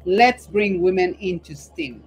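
Slow-paced woman podcast host. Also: on the low side, lively intonation, a little hiss or hum, low-quality recording. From Portugal. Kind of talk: casual interview.

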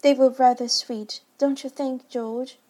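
A gentle young mother from a storybook, played by a woman narrator, her voice lifted a little high. She is placid and tender, speaking with soothing affection to her family. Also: steady tone, measured pace. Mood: fond, wistful. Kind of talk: children's storybook character voice.

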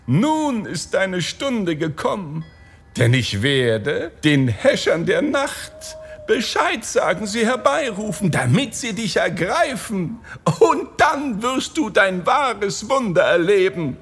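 A sharp-tongued, scheming wife out of an old folk tale, put on by a man reading aloud. Her voice sits high and shrill and swings wildly as she mocks and bosses. Soft music hums underneath. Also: big pitch swings, slow pace, heavily acted. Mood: scolding. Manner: high, shrill, mocking and bossy. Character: shrill scolding cunning wife, middle-aged woman.

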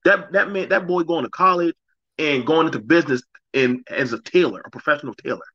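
A man talks bluntly and with energy on a casual podcast, his voice forceful and bright and pitched a little high. The mic sounds dry and dull, like a lo-fi call recording. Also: fairly quick, no room sound. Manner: blunt and animated, drops into voices when quoting people.

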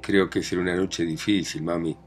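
A man's voice: low voice, steady tone, a little fast, soft background music, natural voice. A man with a Rioplatense accent voicing an anxious, defensive married daughter in a read-aloud play. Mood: uneasy. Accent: Rioplatense Spanish.

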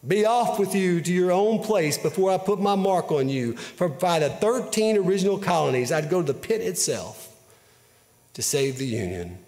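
A man voicing a bold, defiant older statesman who speaks with booming conviction. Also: expressive, moderate pace, a little mellow, long reverb tail.

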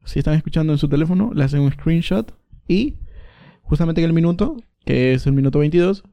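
A man's voice: a little high, brisk, gravelly, warm tone, no echo. A man co-hosting a podcast in casual chat, chiming in with short reactions, questions and laughs. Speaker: podcast co-host.

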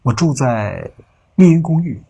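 A man voicing a broke, downcast young man in a told story, speaking quietly and hesitantly. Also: medium pitch, sing-song, a little slow, vocal fry, slightly rough, full character voice. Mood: low-key.

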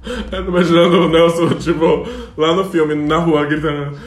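A young man co-hosting a joking group chat, dramatic and expressive. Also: a little high, moderate pace. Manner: dramatic, swings into shrieking impressions. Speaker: podcast co-host. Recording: echoey room with faint background hum.

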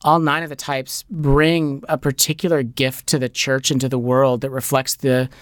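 Middle-aged guy on a radio show, smooth clear voice, dry studio sound, talks fast and loose with lots of likes. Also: mid-range voice, no room sound. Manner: animated, many "like" and "you know" fillers. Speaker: author guest on a radio show. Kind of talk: conversational radio interview.

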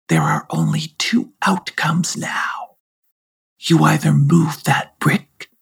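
Hissy whispery snake queen, menacing, low and gravelly for a storybook. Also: exaggerated voice. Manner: hissing, whispered threats.

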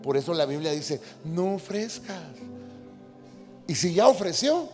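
A man with a high, bright-sounding voice preaches a lively sermon, acting out the people he quotes. His voice rings with a long hall reverb, with soft music underneath. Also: brisk. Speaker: pastor.

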